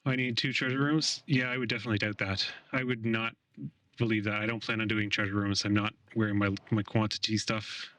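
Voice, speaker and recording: A man's voice: on the low side, little pitch movement, fairly quick, sharp tone, dry recording, recorded from a distance. A man streaming a game live through a voice changer, chatting casually with viewers while he plays.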